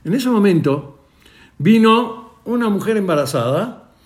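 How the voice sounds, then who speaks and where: A man's voice: high-pitched, unhurried. A rabbi retells a story, acting out its dialogue and often restarting his phrases. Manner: lively retelling with quoted dialogue and many restarts. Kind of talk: storytelling talk.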